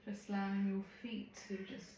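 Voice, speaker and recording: A woman instructor giving serene, gentle, unhurried cues in a live tai chi and qi gong class. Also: medium pitch, little pitch movement. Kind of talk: live movement class instruction, calm cueing. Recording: very echoey room, faint background noise.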